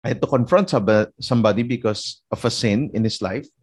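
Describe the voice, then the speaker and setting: A man's voice: mid-range voice, brisk, breathy edge. A man with a Filipino accent preaching a motivational sermon, repeating phrases and asking rhetorical questions. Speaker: pastor.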